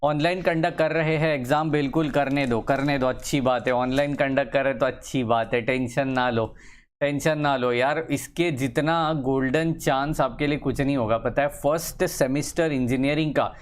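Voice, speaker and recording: Young male maths teacher, casual lecture, repeats himself, stretches words while writing, mid-pitched voice. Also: steady tone, moderate pace, clean tone. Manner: encouraging, chatty asides to students. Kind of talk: casual Hindi-English lecture.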